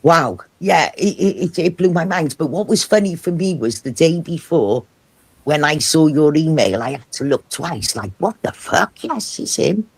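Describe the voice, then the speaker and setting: Animated Welsh man from Cardiff. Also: fairly high pitch, normal speed, creaky, husky. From Wales. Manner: animated, swears freely. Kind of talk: casual chat.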